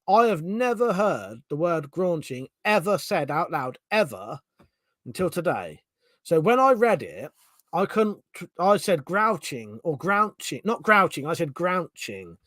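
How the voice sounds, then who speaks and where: A lively man streams casual live chat, reading messages from his viewers. He's chatty, swears casually, and restarts his sentences, all in a high voice on a dry recording.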